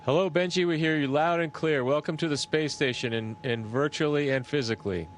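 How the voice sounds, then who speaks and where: A man's voice: on the high side, brisk. A man speaking as an astronaut in formal communicator phrases over a space radio link. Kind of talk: radio call from a space station. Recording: faintly noisy space-to-ground link.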